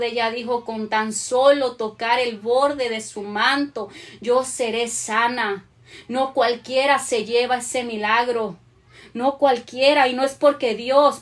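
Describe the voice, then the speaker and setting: A woman preaching a sermon to a women's group, reading scripture aloud and slowing down on the verses. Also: fairly high pitch. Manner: earnest, slows down when reading scripture.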